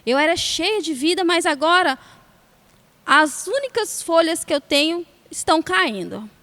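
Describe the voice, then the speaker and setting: A woman's voice: very high voice, lively intonation, measured pace, bright, forceful tone, big-room sound, full character voice. A woman voicing a giant tree, once full of life and now sick, pleading for help in a fable. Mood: sorrowful. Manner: plaintive, pleading. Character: dying giant tree, female, sorrowful.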